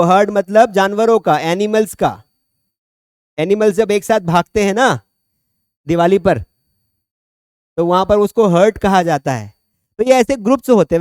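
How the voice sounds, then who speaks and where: A man's voice: high-pitched, a little mellow, no echo, clean studio sound. A man teaching English grammar in a classroom, speaking, chatty and joking as he quizzes students by name. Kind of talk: classroom lecture.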